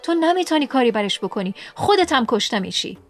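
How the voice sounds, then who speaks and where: A woman's voice: mid-range voice, fairly even intonation, faint music behind, close to an everyday voice. A woman voicing a stern adult male camp guard in a storybook reading, giving firm, matter-of-fact warnings.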